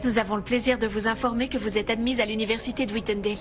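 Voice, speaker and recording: A woman's voice: a little high, steady tone, racing, over music, lightly acted. A woman dubbing a cheeky teenage schoolgirl and daughter in a French film drama. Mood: cheerful.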